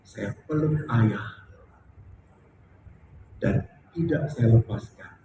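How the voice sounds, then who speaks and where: Priest preaching in an echoey hall. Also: male voice, medium pitch, very slow, background noise. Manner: candid storytelling with jokes, emphatic repetition. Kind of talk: sermon with personal story. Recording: echoey hall recording from far off.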